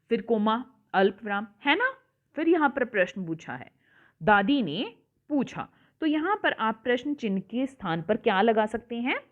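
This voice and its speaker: A woman teacher explaining a worksheet lesson to children, patiently repeating points and asking the class questions. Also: fairly high pitch. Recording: tinny phone-like sound.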